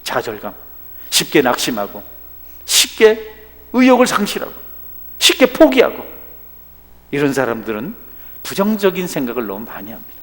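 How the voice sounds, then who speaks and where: Animated man preaching in a reverberant hall. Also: mid-range voice, moderate pace, long pauses. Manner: animated preaching with dramatic swings in loudness. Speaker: pastor. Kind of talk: sermon. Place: church sanctuary.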